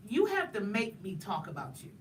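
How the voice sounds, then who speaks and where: A woman's voice: mid-range voice, wildly swooping pitch, moderate pace, recorded from a distance, a little hiss or hum. A woman, a comedian, chatting casually and acting out what audiences say. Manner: storytelling, acts out audience voices. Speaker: stand-up comedian guest. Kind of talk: casual podcast chat.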